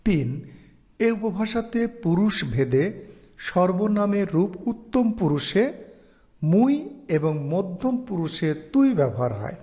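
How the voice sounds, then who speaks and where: A man teaching an online lesson, explaining slowly and reading out example phrases. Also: sits high, sing-song, warm tone. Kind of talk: online lecture.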